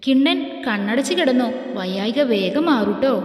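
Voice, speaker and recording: Brief: woman playing a babyish, doting young wife, high cooing voice, roomy reverb. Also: lively intonation, normal speed, natural voice. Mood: tender. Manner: cooing, babyish talk about herself. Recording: echoey room with long reverb.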